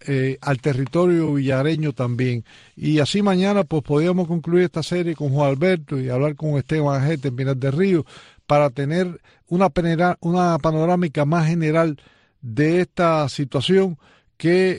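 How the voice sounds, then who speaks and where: A man hosts a radio news program, speaking in a measured, steady way with frequent hesitations. His voice sits a little high. The sound is dry and close, with no room echo. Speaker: news show host.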